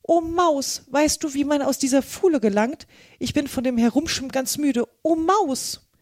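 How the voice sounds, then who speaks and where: A chatty, apologetic little girl from a storybook, voiced by a woman reader. Her voice sits high and girlish. The recording is dry and close. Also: moderate pace, no room sound, natural voice. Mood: pleading. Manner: raised, bright girlish pitch.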